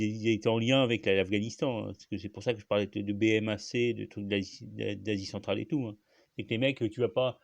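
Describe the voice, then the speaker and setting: Man, low gravelly voice, dry close sound, rambling solo host full of fillers. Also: darkish tone, dry recording, highs cut off. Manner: rambling, many fillers and restarts, frequent coughs. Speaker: channel host. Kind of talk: casual solo monologue.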